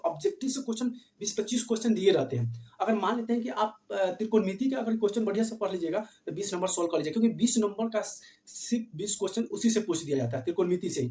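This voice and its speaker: A man's voice: high-pitched, darkish tone. Male teacher, echoey distant camera sound. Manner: repeats key points as rhetorical questions to students. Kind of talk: classroom-style exam revision lesson. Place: room with camera set back from the speaker. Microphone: distant camera mic. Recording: echoey room, voice from afar.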